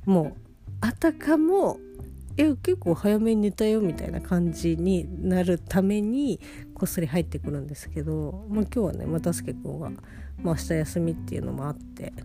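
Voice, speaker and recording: Low-voiced sleepy woman, lying down, guitar music. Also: animated, normal speed, mellow. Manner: talking while lying down, sleepy. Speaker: host of a personal audio diary. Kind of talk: casual monologue diary chat. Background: plucked guitar music.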